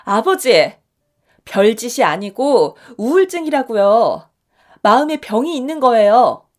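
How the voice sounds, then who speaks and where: A woman voicing an adult daughter who loudly and passionately stands up for her mother in a radio story drama. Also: medium pitch, expressive, takes it slowly. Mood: protesting. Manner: loud, impassioned pleading. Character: indignant, protective adult daughter.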